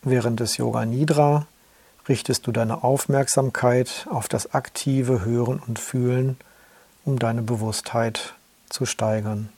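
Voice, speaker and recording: Slow, calm male relaxation guide. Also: medium pitch, husky, dry recording. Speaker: yoga nidra guide.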